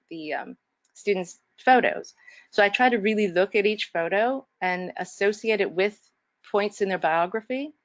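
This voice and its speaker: A woman's voice: on the low side, no room sound, dull audio. A woman instructor speaking earnestly and reflectively in an online faculty workshop, with frequent fillers and restarts. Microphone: video call.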